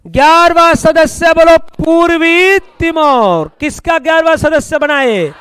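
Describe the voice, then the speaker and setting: A man's voice: very high voice, a little slow, fairly bright tone. A man with a Haryanvi accent teaching a current affairs class for exam students. He keeps asking questions and answering them himself, with folksy joking asides. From India. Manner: quizzing students, asks and answers his own questions.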